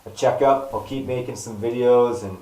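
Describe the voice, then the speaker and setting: A man talking casually to camera as a vlogger, in short, halting phrases. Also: mid-range voice, fairly even intonation, a little mellow. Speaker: vlogger recounting own surgery recovery. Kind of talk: casual first-person health vlog talk. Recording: roomy echo, distant microphone.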